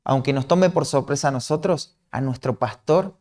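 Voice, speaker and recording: A man's voice: medium pitch, moderate pace, darkish tone. A man from Argentina with a Rioplatense accent, preaching an earnest, explanatory sermon that often checks in with a questioning "¿no?". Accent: Rioplatense Spanish.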